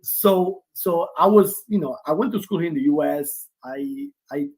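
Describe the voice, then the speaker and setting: Joining a casual interview by video call, the player's father, a man in his forties, speaks at length and keeps restarting. He has a husky, somewhat high voice, a little mellow, at a moderate pace.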